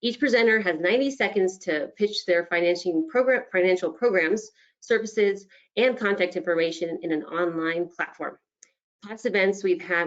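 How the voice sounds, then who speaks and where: Low-voiced woman presenting over a webinar. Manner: brisk, informative, with frequent ums and restarts. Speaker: state agency presenter. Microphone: video call. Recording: dull lo-fi online call audio.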